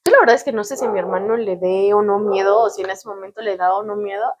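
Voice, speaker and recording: A woman's voice: mid-range voice, quick pace, a crowd in the background. Young Mexican woman, easygoing storyteller. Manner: relaxed conversational storyteller with frequent laughter. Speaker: podcast co-host. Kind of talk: casual chat.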